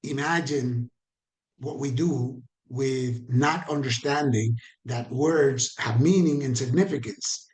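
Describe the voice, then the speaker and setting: A man of mid-range pitch delivers an online training at a slow pace, his Caribbean Spanish accent evident. He talks conversationally, asks the audience questions, and repeats points to drive them home.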